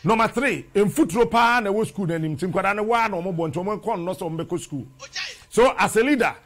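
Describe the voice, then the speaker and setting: A middle-aged Ghanaian TV host delivers a preachy, animated monologue in Twi and English, rhythmically repeating phrases into a lapel mic. His voice is high and a little fast. The studio has a brick wall behind him.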